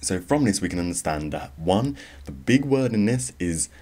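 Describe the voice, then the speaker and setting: Very deep-voiced man hosting a podcast. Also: sing-song, normal speed, darkish tone. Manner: rambling, conversational, with many fillers and restarts. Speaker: podcast host. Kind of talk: solo podcast monologue.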